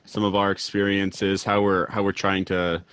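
A young man hosting a casual podcast, reading his intro in an upbeat, relaxed way. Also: deep voice, moderate pace, clean tone, no room sound. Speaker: podcast host.

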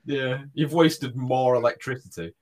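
A man, a guest co-host in casual podcast chat, jokey, swearing and quick to laugh. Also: mid-range voice, noisy background.

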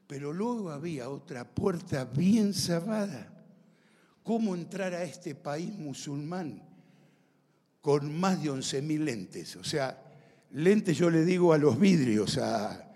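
Middle-aged man, Rioplatense accent, pastor preaching, fairly high voice, long hall reverb. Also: takes it slowly, pauses often. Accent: Rioplatense Spanish. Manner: animated storyteller, talks to audience. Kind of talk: sermon testimony.

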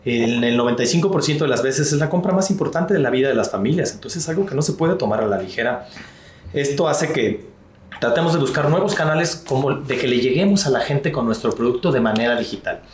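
A man's voice: mid-range voice, expressive, fast. Man, interview answers, thoughtful with fillers, roomy echo, faint noise. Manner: thoughtful, with frequent fillers and restarts. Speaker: real estate sales executive.

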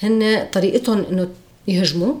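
A woman's voice: medium pitch, fast talker, a little mellow. A woman with a Levantine Arabic accent, a podcast guest in casual, reflective conversation. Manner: reflective, acts out quoted voices.

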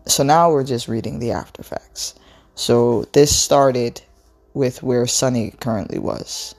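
A woman reading a novel aloud in a slow, expressive storytelling way. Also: rumbling low. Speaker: book reader.

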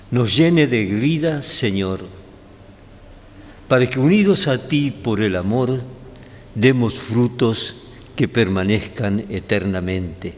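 Slow man praying in an echoing cathedral. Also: fairly low pitch. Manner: measured, pausing between short phrases. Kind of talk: solemn liturgical prayer and blessing. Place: large cathedral, indoors. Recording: echoey cathedral, long reverb, clear background noise.

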